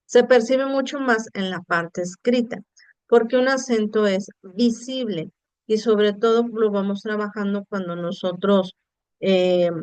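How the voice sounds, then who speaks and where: A woman gives an online lesson, her voice smooth and resonant. She explains patiently and keeps checking with her students, in a dry close sound with no room echo. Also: medium pitch. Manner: explanatory, addresses students directly with rhetorical checks. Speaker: teacher. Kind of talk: online class lecture. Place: online video session.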